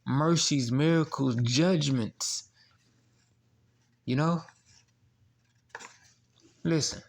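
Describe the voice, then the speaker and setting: Man, preacher, scripture teaching, gravelly voice, slow delivery, repetitive rhetorical questions. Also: on the high side. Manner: halting, many restarts and fillers.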